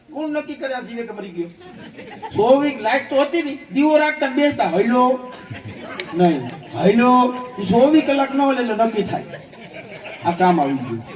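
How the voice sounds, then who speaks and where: A man's voice: very high voice, darkish tone. A man, giving a fiery public speech. He tells humorous stories and acts out the voices in his anecdotes. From Bhavnagar, Gujarat, India. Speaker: public speaker. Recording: echoey hall, voice from far off.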